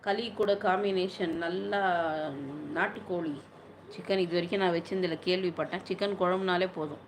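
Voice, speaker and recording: A woman's voice: lowish voice, steady tone, fairly quick, slight background noise. A woman chatting casually on a live stream, answering viewers' questions at length.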